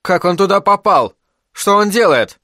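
Brief: a man doing a desperate scientist under fire, dry close voice, sharp urgent calls. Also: high-pitched, expressive, normal speed, dry recording, voice pushed up. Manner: clipped, urgent outbursts. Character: hunted male scientist, tense and urgent.

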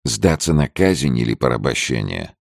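A man's voice: very deep voice, big pitch swings, moderate pace, vocal fry, no room sound, clean studio sound, exaggerated voice. A man doing a fierce, blunt warrior. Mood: defiant. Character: fierce defiant male warrior. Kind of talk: audiobook character voice.

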